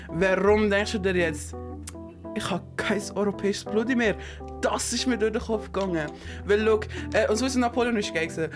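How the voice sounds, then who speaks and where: Excitable young woman. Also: mid-range voice. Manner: excitable, laughs often, mixes in English slang. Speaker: radio show co-host. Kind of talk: casual radio chat.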